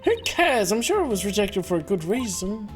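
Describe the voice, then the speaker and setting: A woman voicing an excitable, easily startled young woman in a video game, full of surprised exclamations. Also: mid-range voice, normal speed, faint music behind, natural voice. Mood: perky, indignant. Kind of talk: video game character read aloud.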